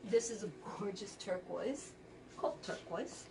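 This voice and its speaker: A woman's voice: medium pitch, measured pace, creaky, far from the mic, background noise. A woman hosting a live fabric sale, chatting casually as she reads out color names. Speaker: quilt shop host.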